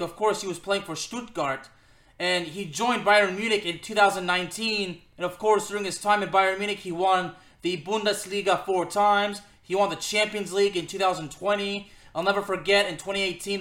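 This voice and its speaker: Male football podcaster, high forceful voice, emphatic off-the-cuff opinion, roomy echoing recording. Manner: emphatic, repeats phrases for effect. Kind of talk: unscripted opinionated sports commentary.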